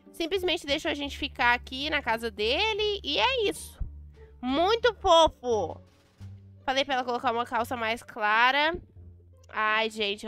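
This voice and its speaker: High, bright-voiced Brazilian woman gushing. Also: clean tone. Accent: Brazilian Portuguese. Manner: gushing, excitable, narrates her own chat messages aloud. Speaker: Roblox gameplay vlogger. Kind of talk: casual gameplay commentary.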